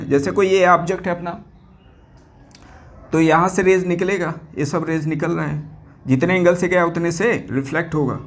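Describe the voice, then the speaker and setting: Man drilling physics terms in a lecture. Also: on the high side. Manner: repeats questions and answers them himself, calls students beta; mixes English terms into Hindi, drills key words. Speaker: physics teacher. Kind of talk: exam-prep lecture.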